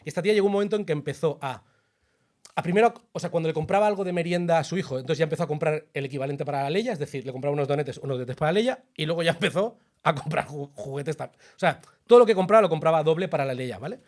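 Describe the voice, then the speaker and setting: A man, co-hosting a podcast and telling a personal story in a chatty, animated way. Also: on the high side, rapid-fire. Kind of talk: casual chat, then scripted narration over music.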